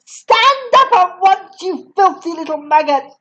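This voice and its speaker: A woman's voice: unhurried, a little mellow. A woman voicing a huge, cruel headmistress who sneers and barks insults at children, on a dull lo-fi recording. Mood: barking. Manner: booming, sneering, spits insults. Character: huge bullying female headmistress, cruel, contemptuous.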